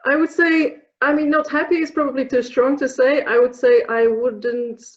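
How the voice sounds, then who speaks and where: Her voice is high-pitched, with fairly even intonation and a moderate pace, as this Polish-accented woman in her thirties, a program alumna, answers interview questions thoughtfully. She often restarts and uses fillers. The recording has its high frequencies cut off.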